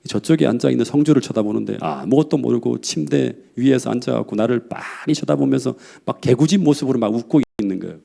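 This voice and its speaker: A man's voice: medium pitch, fast, creaky, hardly any pauses, mellow. A male pastor preaching a sermon, telling a personal story in a heartfelt, earnest way.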